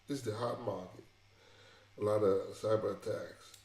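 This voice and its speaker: Low, mellow-voiced man in an echoey room. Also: steady tone, measured pace. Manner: emphatic and repetitive, restarting phrases. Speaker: tech vlogger. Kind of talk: casual advice monologue.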